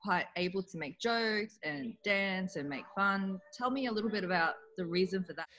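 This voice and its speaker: A woman's voice: medium pitch, normal speed, a bit bright, low-quality recording. A woman hosting a casual interview over a video call, asking curious, friendly questions. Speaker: interview host.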